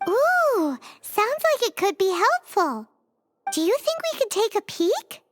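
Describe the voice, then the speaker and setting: A woman voicing a tiny, childlike fairy companion in a video game, chirpy, cheeky and excitable with a squeaky voice. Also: unhurried, music in the background, full character voice. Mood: eager, chirpy. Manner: excitable, refers to self in third person.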